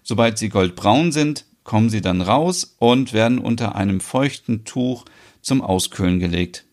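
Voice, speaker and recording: A man narrates a podcast soap opera in a calm, even reading voice. His voice sits on the low side. He reads very slowly and takes his time with every step.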